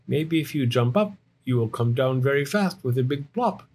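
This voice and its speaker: A man voicing an affectionate mother bear in a children's storybook, calm, patient and gently teasing. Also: medium pitch, normal speed, pitched above the performer's own voice.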